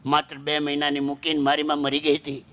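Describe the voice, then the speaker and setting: A woman's voice: low-pitched, monotone, quick pace, pitched below the performer's own voice, close to an everyday voice. A woman voicing a poor, devoted young village daughter who speaks in a pleading, sorrowful way.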